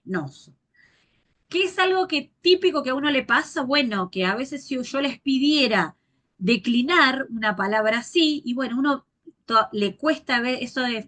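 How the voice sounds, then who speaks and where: A woman teacher gives a grammar lecture, patiently repeating forms slowly and spelling out endings. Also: fairly high pitch, sharp tone.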